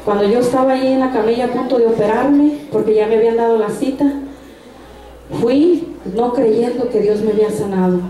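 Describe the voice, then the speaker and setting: A woman's voice: fairly high pitch, fairly quick, warm tone. A woman giving a personal faith testimony at a church service, telling it earnestly with frequent restarts. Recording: echoey room sound.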